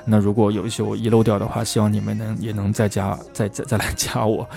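A man hosting a podcast who explains English pronunciation in a relaxed, chatty, rambling way. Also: lowish voice, fast, vocal fry, soft background music. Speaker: English teacher, podcast host.

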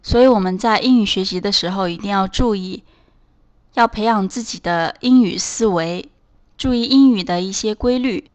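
A woman's voice: mid-range voice, normal speed, darkish tone. A woman teaching a beginners' language lesson, spelling out words and patiently repeating example phrases. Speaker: English teacher. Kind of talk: slow scripted language lesson.

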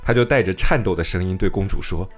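A man's voice: low voice, quick pace, faint music behind. A man retelling an old folk tale in a casual, chatty way, adding his own remarks. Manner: lively, chatty, comments with laughter. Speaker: storyteller host. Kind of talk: casual storytelling.

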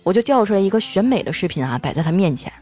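A woman full of delivers a scripted comic monologue. She tells her stories in an animated way. Faint music plays underneath her voice. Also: mid-range voice, very fast. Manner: animated storytelling, acting out quoted lines in raised voices. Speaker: comedy radio host.

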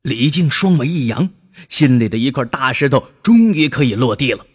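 A man narrating a scripted children's story in an expressive way, drawing out his exclamations. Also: mid-range voice, moderate pace, husky.

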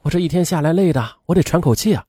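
A man voicing a weary, aggrieved female nanny who complains in a soft, pleading way. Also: fairly high pitch, lively intonation, quick pace, breathy edge, no echo, studio quality, pitched above the performer's own voice.

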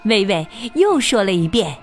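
A woman teacher reading a children's picture book aloud, expressive and sing-song with plenty of exclamations. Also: mid-range voice, moderate pace, faint music behind. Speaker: storyteller teacher.

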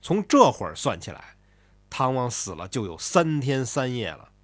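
A man's voice: mid-range voice, sing-song, normal speed, no room sound. A man retelling a classic tale in a chatty, colloquial storytelling style with asides to the listener.

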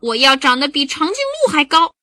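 A woman's voice: high voice, fairly quick, sharp tone, no room sound, studio quality, voice pushed up. A woman voicing an eager, boastful little boy in a bedtime story. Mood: excited.

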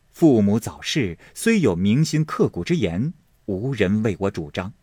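A man narrating a classical novel as an audiobook host, with expressive, measured storytelling. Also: on the low side, dry recording, studio quality.

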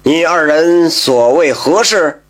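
A man's voice: a little high, slow pace. Man doing a stern county magistrate.

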